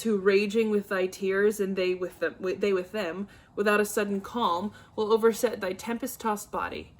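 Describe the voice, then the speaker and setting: A woman reading an angry, domineering old father, a nobleman, who bursts into shouting and scolding. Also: medium pitch, close to an everyday voice. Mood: commanding.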